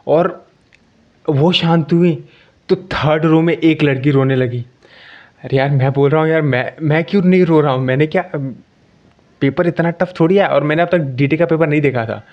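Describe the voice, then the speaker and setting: A young man with a somewhat high voice tells a casual story from his own experience. He talks conversationally, checks in often with the listener and restarts his phrases. The sound is muffled and lo-fi. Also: a little mellow. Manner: conversational, with frequent "ठीक है" check-ins and self-corrections. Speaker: exam candidate sharing his experience. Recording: dull lo-fi sound.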